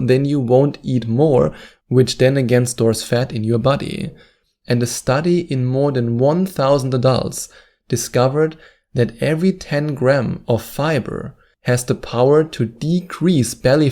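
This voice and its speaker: Speaking straight to camera with a warm, mid-range voice, a German-accented man gives weight-loss advice, earnestly stressing and repeating his main points.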